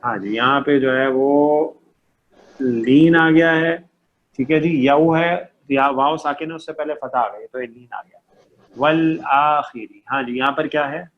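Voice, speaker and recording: A man's voice: medium pitch, steady tone, a little slow, lo-fi sound. A man teaching an online class, patient, repeating key terms and checking often that his students understand.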